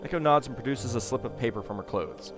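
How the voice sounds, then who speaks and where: A man's voice: mid-range voice, fast talker. A man hosting a let's play, reading game text aloud and adding casual commentary. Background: game music.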